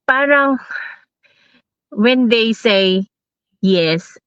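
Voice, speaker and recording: A woman's voice: a little high, expressive, very slow, clear, resonant tone, no echo, lo-fi sound. A woman chatting casually as host, mixing Tagalog and English and laughing often. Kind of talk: casual chat. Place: abroad in New Zealand.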